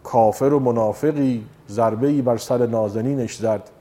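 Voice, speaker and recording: A man preaching a sermon that turns into a mourning elegy, impassioned, with slow drawn-out chanted passages. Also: mellow. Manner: impassioned, rising to high emotional peaks.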